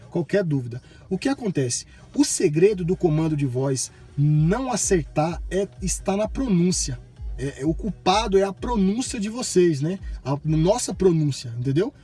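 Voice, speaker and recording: A man's voice: high voice, dark tone, husky. A man from Bahia with a Brazilian accent, giving a casual, colloquial tutorial and often checking in with viewers. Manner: colloquial, repeats himself, addresses viewers with check-in tags. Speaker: tutorial presenter.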